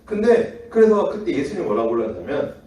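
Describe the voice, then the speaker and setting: Lively man preaching in an echoey church hall. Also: fairly high pitch, a little fast, distant mic, a little hiss or hum. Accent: Gyeongsang. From Daegu. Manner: lively, acts out quoted voices, laughs often. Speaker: children's ministry preacher. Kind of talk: children's sermon with storytelling.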